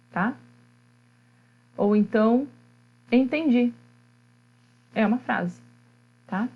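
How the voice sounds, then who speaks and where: A woman with a Brazilian Portuguese accent teaching an online grammar class. She explains step by step, often checks in with her students and pauses on fillers while she thinks. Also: mid-range voice, a little mellow, muffled recording.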